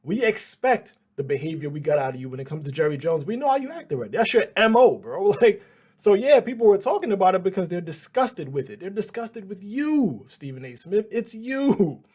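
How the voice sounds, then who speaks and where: A man's voice: sits high, big pitch swings, a little fast, a little mellow, breathy edge. A man hosting a news channel, reacting to clips in a casual, sarcastic and exasperated way.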